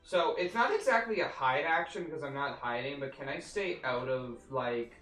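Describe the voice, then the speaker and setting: Male player, mid-pitched, hesitant and casual, with faint music behind. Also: expressive, moderate pace, fairly bright tone. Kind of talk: casual chat at a game table. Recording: echoey room, far from mic, music behind.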